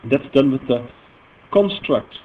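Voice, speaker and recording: A man from the Netherlands, a software presenter, walks through database queries in a live technical demo talk. His Dutch voice is medium in pitch and animated, yet he explains haltingly, with plenty of fillers and self-corrections. The sound is tinny and phone-like, lo-fi, with a faint noise underneath.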